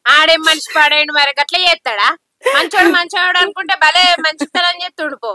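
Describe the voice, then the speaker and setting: A woman's voice: high-pitched, a little fast, bright, forceful tone, no echo, clean studio sound. A young woman with a Telangana accent acting a village niece who coaxes and consoles her aunt with firm advice. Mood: concerned. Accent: Telangana Telugu. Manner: coaxing, repeating soothing pleas, giving firm advice. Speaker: actor in a village skit.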